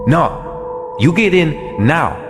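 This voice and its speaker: A man's voice: on the high side, big pitch swings, takes it slowly, long reverb tail, music in the background, voice pushed up. A man voicing an insistent male stranger of about thirty, speaking clipped, broken phrases with a Korean accent. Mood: pushy.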